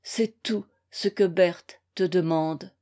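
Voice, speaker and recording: A woman's voice: lowish voice, takes it slowly, mellow, pitched below the performer's own voice. A woman reading aloud the farewell letter of a heartbroken, devoted young woman, in a tender, solemn, pleading manner. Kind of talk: audiobook reading.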